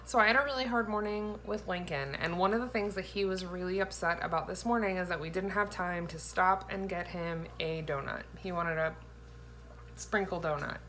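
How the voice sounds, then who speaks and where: Her voice is lowish, pushed, and bright, and her pace is moderate. She is a woman in her thirties vlogging from a home kitchen, chatting casually and storytelling to the camera with a playful, giggly manner. The home phone recording, made at arm's length, carries faint background noise.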